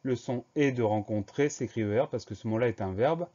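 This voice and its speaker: A teacher runs a dictation lesson, spelling every word out letter by letter, slowly and with care. His mid-range voice is dark and mellow, and the recording sounds rather dull and lo-fi.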